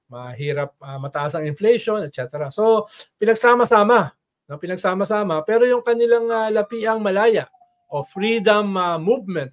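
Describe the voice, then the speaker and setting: A man with a notably high voice talks casually about politics, spinning long stories. He keeps dropping tag questions to check the listener is following. He gets animated as he speaks. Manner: storytelling with frequent "no?" tag questions; animated, voice rises when quoting chants. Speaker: political commentator guest.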